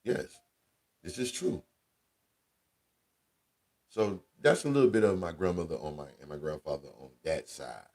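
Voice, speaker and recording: A man with a deep voice, telling casual family stories as a radio show host, laid-back and conversational with slang. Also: measured pace, long pauses, darkish tone. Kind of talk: casual storytelling monologue.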